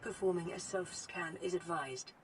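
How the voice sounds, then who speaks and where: A woman voicing a calm, caring diving-suit computer that announces health checks in an even machine voice, heard from a game over its music. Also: on the low side, moderate pace, slight background noise. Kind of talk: game voice prompts.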